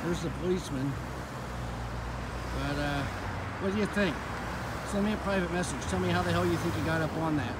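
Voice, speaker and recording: A man's voice: fairly high pitch, a little fast, long pauses. A middle-aged man chatting casually and bluntly to his phone camera while out walking, with salty everyday language. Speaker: vlogger. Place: outdoors on suburban sidewalks and park paths. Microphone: phone at arm's length, wired earphones worn. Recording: noisy outdoor phone recording with traffic.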